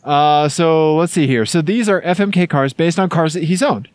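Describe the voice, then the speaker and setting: A man's voice: on the high side, moderate pace, no room sound. A man with a Missouri accent co-hosting a podcast in casual, jokey chat. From Missouri, United States. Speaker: podcast co-host.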